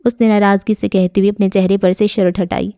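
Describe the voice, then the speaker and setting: A woman narrating a novel in steady, even storytelling for an audiobook. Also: medium pitch, clear, resonant tone, no room sound, clean studio sound.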